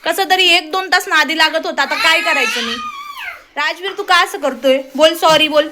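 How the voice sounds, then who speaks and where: Speaking in a very high voice at normal speed, a young mother and vlogger with a Marathi accent scolds her small son indoors, exasperated and almost in tears. The casual family vlog was recorded on a noisy phone at home.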